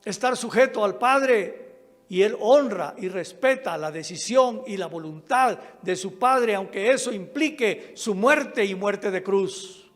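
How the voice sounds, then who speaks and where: A man's voice: high voice, measured pace. A male pastor preaching a sermon, punctuating with amens and emphatic restarts. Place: church sanctuary during a live-streamed service. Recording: long hall reverb, faint music.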